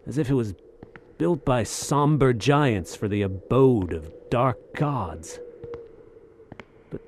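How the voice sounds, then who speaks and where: In an audio drama, a male actor plays a bold, greedy Western soldier of fortune, delivering his lines in halting, theatrical phrases. His mid-range voice is a little mellow, and there's slight background noise.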